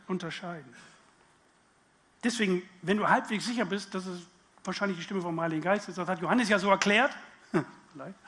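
A man's voice: high voice, a bit bright, a little hiss or hum. A man preaching a sermon, speaking directly to his listeners with questions and acting out inner voices. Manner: acts out inner voices in quotes.

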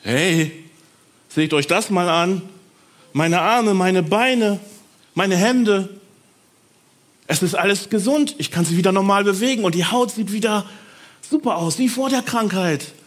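A man's voice: measured pace, long pauses. A man doing an overjoyed healed leper. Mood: amazed. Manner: high, loud and amazed.

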